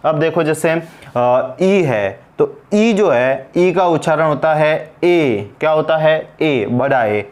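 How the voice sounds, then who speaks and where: A man's voice: on the high side, slow. A man teaching an English pronunciation lesson, asking questions and answering them himself as he repeats each word.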